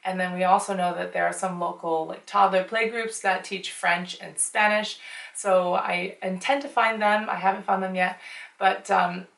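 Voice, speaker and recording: Her voice is mid-range, gravelly and fairly bright, and she talks at a moderate pace with a flat delivery. She's a US woman, originally a Chinese speaker, hosting a casual parenting vlog and giving earnest advice sprinkled with ums. The distant mic picks up a roomy echo.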